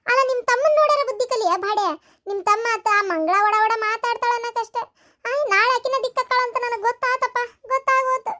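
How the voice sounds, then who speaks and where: Casting: a woman playing a scolding village mother with a North Karnataka accent, very high voice, sarcastic and cutting. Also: bright, forceful tone. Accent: North Karnataka Kannada. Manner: scolding, sarcastic, rapid taunts. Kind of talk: village family skit.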